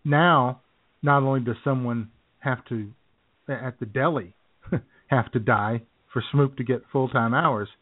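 Casual podcast chat comes from a male co-host who speaks at a measured pace in a mid-range voice. He's sarcastic and joking and laughs a lot, and the recording has a tinny, phone-like quality.

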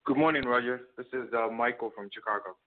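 Mid-pitched male caller on a phone line. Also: quick pace. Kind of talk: casual chat. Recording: thin phone call on radio.

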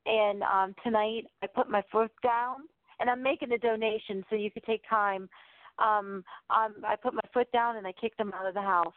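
A woman's voice: mid-range voice, fairly even intonation, normal speed, no echo. A middle-aged woman calling in to a radio show over the phone, talking directly and urgently with some stumbles and restarts. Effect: phone-line caller voice. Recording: tinny dry phone line.

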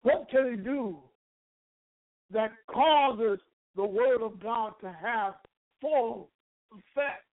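Hoarse frog-voiced preacher, croaky fry, deliberate emphatic sermon, rhetorical repeats, thin phone-like recording. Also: medium pitch. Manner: emphatic, deliberate phrasing in short bursts. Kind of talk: teaching sermon with rhetorical repetition. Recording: narrow, phone-like sound.

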